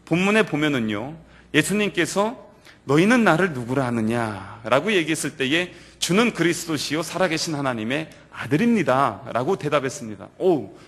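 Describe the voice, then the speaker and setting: A male pastor preaches in a church, his voice sitting a little high for a man. He tells the story with animated delivery and often swings from loud to quiet. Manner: animated storytelling that acts out quoted lines. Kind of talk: sermon to a youth service. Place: church sanctuary.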